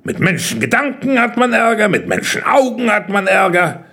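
A man's voice: mid-range voice, wildly swooping pitch, vocal fry, a bit bright, breathy edge, full character voice. A man voicing a tiny, impatient gnome king from underground who grumbles and scolds. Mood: impatient grumbling. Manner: grumbling, scolding, quick to complain.

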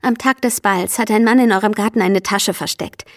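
A woman giving a steady, measured reading of a scripted storybook narration. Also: medium pitch, no echo, clean studio sound. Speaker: audiobook narrator.

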